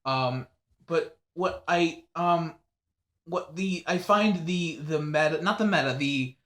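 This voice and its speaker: A man with a somewhat high voice chatting on a podcast, stumbling through restarts and swearing bluntly. His voice rings around a roomy, echoey space. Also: fairly bright tone. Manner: halting, many restarts, blunt and profane. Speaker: podcast co-host. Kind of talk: casual chat. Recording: roomy echo.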